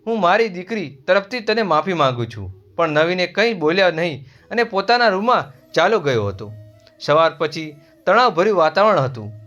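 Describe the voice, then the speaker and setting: A man reading a family story aloud in a steady scripted narration, without doing character voices. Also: sits high. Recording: dull lo-fi voice-over with soft music.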